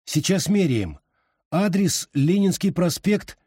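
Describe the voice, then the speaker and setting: A man's voice: high voice, very animated, takes it slowly, warm tone, husky, no room sound, clean studio sound, pitched above the performer's own voice, exaggerated voice. A man voicing a brusque young husband who barks curt orders.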